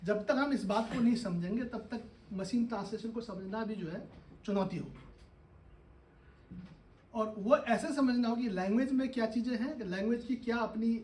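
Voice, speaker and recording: A man's voice: very high voice, moderate pace, darkish tone, slight background noise. A man, a university professor, giving a lecture and explaining ideas with everyday examples, often checking in with his listeners. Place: lecture hall. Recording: echoey hall, voice from a distance.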